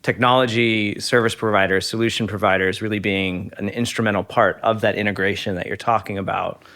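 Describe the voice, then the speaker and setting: A man's voice: fairly low pitch, fairly even intonation, brisk, a bit bright. A man moderating a panel discussion, upbeat and affirming as he hands over to guests. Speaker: podcast host, moderator.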